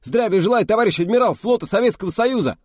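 A man voicing an eager young male officer who barks out crisp military reports. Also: on the high side, lively intonation, fast, a little mellow, no echo, clean studio sound, pitched above the performer's own voice. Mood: zealous.

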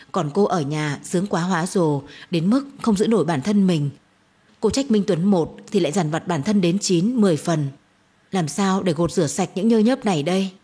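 A woman narrating a dramatic audio story in a steady storytelling voice. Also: lowish voice, slightly rough.

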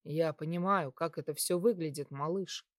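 A woman voicing a possessive man's text messages, in a soft, intimate, lowered voice. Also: moderate pace, dry recording, studio quality, lightly acted. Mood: soft intimacy.

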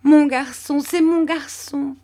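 A woman reading the part of a warm, emotional elderly peasant foster mother in an audiobook, with exclamations and soft affection. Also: fairly low pitch, lively intonation, unhurried. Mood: tearful joy.

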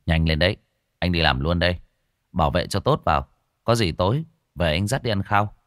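A man voicing a calm, protective older brother who speaks softly and reassuringly. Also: low-pitched, fairly quick, dry recording, clean studio sound, natural voice.

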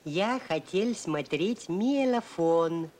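Slow-talking scientist. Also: male voice, high-pitched, expressive, darkish tone. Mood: polite, prying. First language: not Russian, as played. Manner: slow broken Russian, swaps r for l. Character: polite, prying foreign scientist, a disguised space villain. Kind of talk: film acting.

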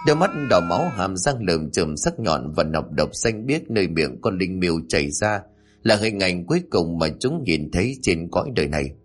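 Deep husky male horror storyteller. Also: very animated, moderate pace. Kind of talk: scripted horror story narration.

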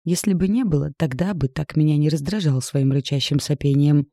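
A man's voice: on the high side, fairly quick, warm tone, no room sound, studio quality, lightly acted. A man putting on a fiery, scolding young woman. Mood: angry scolding. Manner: scolding, sarcastic, raised voice. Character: fiery, sharp-tongued young village woman. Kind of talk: audiobook character reading.

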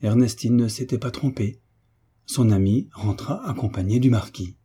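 A man narrating a classic novel as an audiobook, measured and literary. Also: medium pitch, warm tone, slightly rough. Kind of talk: audiobook reading.

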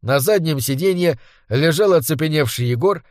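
A man narrating an audiobook in a measured, dramatic reading. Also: fairly high pitch, lively intonation, no echo, studio quality. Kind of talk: scripted narration.

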